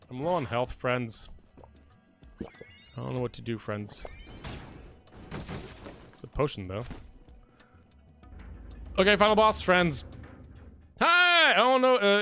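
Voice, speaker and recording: Animated bright-voiced male game streamer. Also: mid-range voice. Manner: animated, keeps addressing viewers as "friends". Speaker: gaming streamer. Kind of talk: live gameplay commentary.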